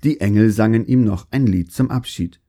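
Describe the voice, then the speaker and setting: A man telling a fairy tale in a calm, steady manner. His voice is low and mellow, dark in tone. He narrates like a storybook reading. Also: normal speed.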